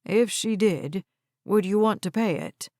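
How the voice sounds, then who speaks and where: A woman voicing a shrewd, composed male lawyer who speaks in a measured, cool way. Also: medium pitch, a little mellow, no echo, studio quality, lightly acted.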